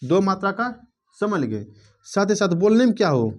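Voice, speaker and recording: High-voiced teacher drilling grammar. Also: male voice, big pitch swings. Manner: drills students with repeated questions and "clear?" checks; drawls words out slowly to show vowel length. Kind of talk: classroom grammar lesson.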